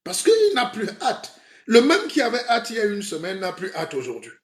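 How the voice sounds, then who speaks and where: On a live stream, a man plays a comic, self-styled spiritual guide delivering a mock sermon, playful and rhetorical, often asking listeners "hein?". His high voice swoops wildly in pitch at a moderate pace.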